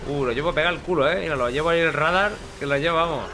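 Excitable man commenting gameplay. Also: fairly high pitch, very fast, background noise. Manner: excitable, chatty, swears casually. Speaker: gaming video host.

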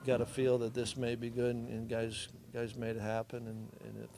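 A man's voice: mid-range voice, completely flat delivery, moderate pace, vocal fry, noisy background. A middle-aged man, a head football coach, giving plainspoken, understated answers at a postgame press conference.

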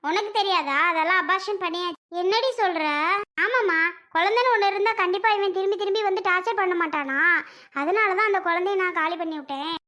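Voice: very high voice, fast talker, bright, forceful tone. A performer voicing a blunt young married daughter in a Tamil cartoon drama. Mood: defiant.

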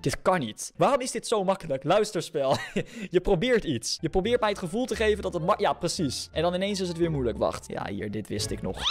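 A young man with a Dutch accent giving casual commentary on his own gameplay, chatty and reacting out loud with yelps and repeated words. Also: sits high, big pitch swings, fairly quick. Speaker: gaming YouTuber. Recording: music clearly under the voice.

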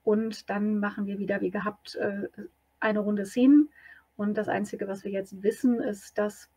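Rules-explainer at a game table; woman, husky tone, dry close sound. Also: mid-range voice, fairly even intonation, moderate pace, mellow, dry recording. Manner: organised, patient explaining.

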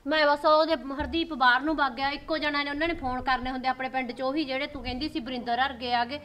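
Woman playing a troubled village mother with a rural Malwa Punjabi accent. Fast, high, bright voice. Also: fairly even intonation. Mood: aggrieved. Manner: emotional, complaining outpouring. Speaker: mother worried about her daughter's marriage.

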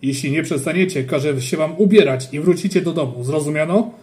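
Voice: medium pitch, a little fast, darkish tone, close to an everyday voice. A reader voicing a stern adult lifeguard who warns the boys in an audiobook. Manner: stern, warning. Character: stern grown-up male lifeguard. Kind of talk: audiobook character voice.

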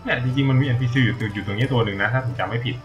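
A man's voice: mid-range voice, very fast, dull audio, soft background music. Man rambling through a game tutorial. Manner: rambling, thinks aloud, swears casually. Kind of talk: casual gameplay commentary.

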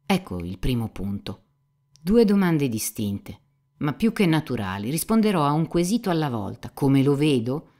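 A woman's voice: sits low, very animated, normal speed, dark tone, voice pushed up. A woman voicing a cynical, gossipy young male seminarian who mocks and insinuates, in an audiobook reading. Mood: lecturing. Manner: mocking, insinuating, talkative.

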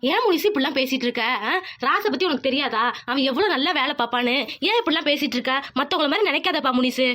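A woman's voice: high voice, expressive, quick pace, hardly any pauses, a bit bright. A woman doing a motherly village auntie. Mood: reproachful, soothing. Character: kindly older village woman, defends the workers. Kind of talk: cartoon voice acting.

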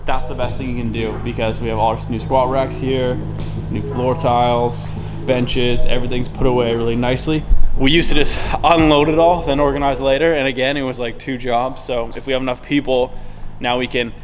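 A man's voice: mid-range voice, little pitch movement, a little fast, background noise. A young man from Canada, a business owner, vlogging casually and upbeat from a large warehouse on a handheld camera mic. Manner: casual, upbeat, swears now and then. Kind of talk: casual vlog.

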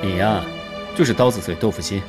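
A man's voice: fairly low pitch, a little fast, natural voice. An actor playing a caring, level-headed young man in a TV drama, who reasons with others persuasively. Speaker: male lead. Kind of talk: TV drama acting. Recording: drama music underneath.

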